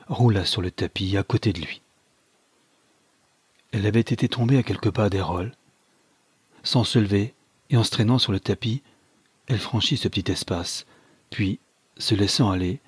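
A man reading a novel aloud in steady, dramatic audiobook narration. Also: fairly low pitch, slightly rough, no room sound.

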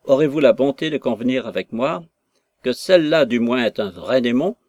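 A man's voice: medium pitch, expressive, normal speed, darkish tone, dry recording, close to an everyday voice. A man reading aloud, voicing a quarrelsome old country father who fires indignant, accusing questions.

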